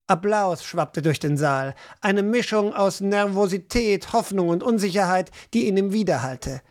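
A woman reads a fantasy story aloud in a measured, expressive way. Her narration is calm and evenly paced. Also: mid-range voice. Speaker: audiobook narrator. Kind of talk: scripted narration.

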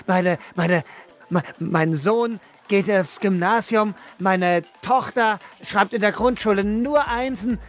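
A man's voice: high-pitched, slow. An actor playing a young father who stammers and pleads heatedly, defending the respectable life he has built.

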